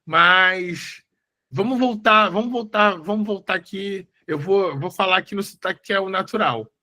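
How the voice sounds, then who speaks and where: Stubborn know-it-all chatbot, voiced by a Carioca man, insistent, bright high tone. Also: moderate pace. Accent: Carioca Brazilian Portuguese. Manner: insistent, patiently correcting.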